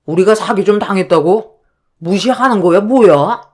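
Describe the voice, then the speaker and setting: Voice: medium pitch, normal speed, a little mellow, lightly acted. A performer voicing a resentful man, the brother-in-law, who answers his sister-in-law with sarcastic accusations.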